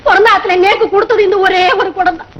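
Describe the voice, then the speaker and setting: An actress playing a quarrelsome, theatrical village woman with a Tamil Brahmin accent, complaining loudly. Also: very high voice, fairly even intonation, fast, highs cut off. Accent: Tamil Brahmin dialect.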